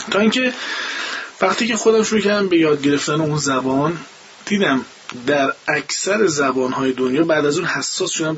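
A man with a high, light voice talks through how vowels are pronounced, like a recitation teacher in an interview. He keeps stopping to act out the sounds he means. The recording is dull and lo-fi, with a faint hiss. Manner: demonstrates pronunciations by imitating sounds. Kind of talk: explanatory interview talk.

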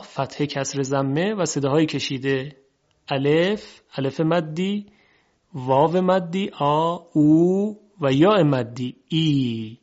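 Male lecturer, formal and courteous, drawn-out examples, slightly raised pitch, dull recording. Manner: formal and polite, slowly drawing out example sounds. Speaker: teacher. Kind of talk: lecture on Arabic phonetics.

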